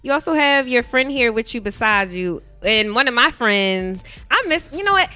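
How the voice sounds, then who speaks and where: Woman host, bright and teasing, higher-set voice, casual chat. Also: animated, moderate pace, smooth, soft background music. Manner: playful, teasing, laughs often. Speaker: podcast host.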